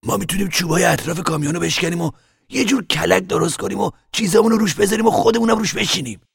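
A young farm kid, way up high and scratchy, worried and rushing. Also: male voice, creaky, husky, dry recording, studio quality, exaggerated voice. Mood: earnest. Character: eager young farm lad, practical and worried.

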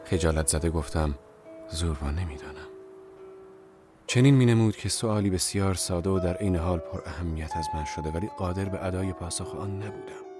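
A man narrating a literary novel in a measured, reflective reading. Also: low voice, music in the background. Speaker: audiobook narrator.

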